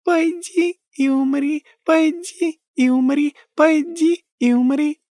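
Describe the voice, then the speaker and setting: A man's voice: very high voice, unhurried, fairly bright tone, no room sound, pitched above the performer's own voice. A man voicing the cruel, vengeful ghost of a young girl who shrieks and taunts. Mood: taunting.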